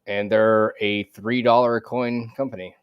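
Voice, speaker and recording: A man's voice: on the low side, little pitch movement, moderate pace, smooth, highs cut off. A man taking part in a live stream, chatting casually with dry, brief remarks. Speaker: stream participant.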